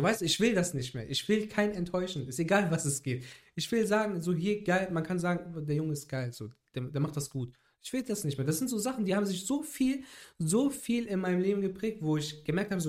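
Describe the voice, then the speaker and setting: Young male podcast guest, higher voice, casual slangy storyteller. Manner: rambling, street slang, many restarts.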